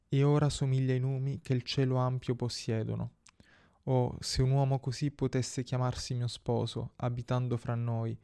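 A gracious young princess who speaks with quiet authority, read by a man in a dark, gravelly voice. Her lines come in a solemn, measured way, with little rise and fall, as in an epic storybook reading. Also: medium pitch, natural voice.

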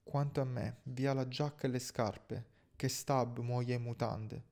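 Man doing a jeering sailor, slow and sardonic, dark gravelly tone. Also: medium pitch, steady tone. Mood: defiant. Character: defiant mocking second mate, jokey man.

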